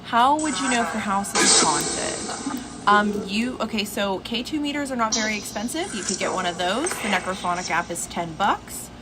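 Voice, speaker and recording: A woman with a mid-range voice speaks at a moderate pace over loud music while hosting a casual home livestream, addressing listeners by name. The recording carries a steady background hiss.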